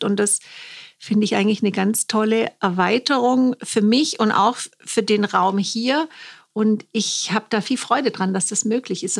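A middle-aged woman from Germany, a music therapist and hospice volunteer, speaking as a guest in a thoughtful, warm way with frequent hesitations. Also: mid-range voice, gravelly. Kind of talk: interview guest, conversational.

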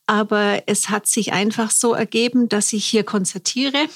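A middle-aged woman from Germany, a music therapist and hospice volunteer, speaking as a guest in a thoughtful, warm way with frequent hesitations. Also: medium pitch, fairly even intonation, moderate pace. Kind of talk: interview guest, conversational.

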